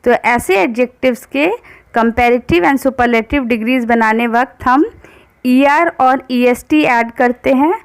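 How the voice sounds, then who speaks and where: A grammar teacher talks in a high voice, taking her time over every word. She reads each rule out deliberately, then explains it plainly in Hindi. She asks her own questions and answers them at once. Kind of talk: explanatory lesson.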